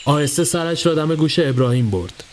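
A man giving a scripted narration of a horror story in a steady storytelling voice. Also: slight background noise. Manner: steady storytelling, dropping low for tense moments. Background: faint music.

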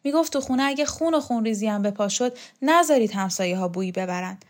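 A woman's voice: fairly high pitch, lively intonation, lightly acted. A woman voicing a frail, fearful sick woman. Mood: fretful. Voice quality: plaintive, worried.

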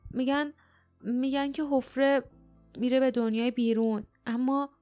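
Woman reading as a timid young girl, high and fearful, hesitant delivery, storybook. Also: steady tone, darkish tone, soft background music, close to an everyday voice. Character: frightened young female city girl.

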